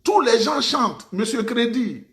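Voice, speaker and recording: A man's voice: very high-pitched, expressive, measured pace, a bit bright. A man from Ivory Coast, giving impassioned political commentary and addressing his audience formally, repeating phrases for emphasis.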